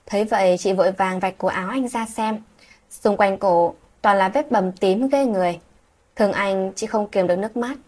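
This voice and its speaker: Breathy woman narrating a late-night story. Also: mid-range voice, moderate pace, darkish tone.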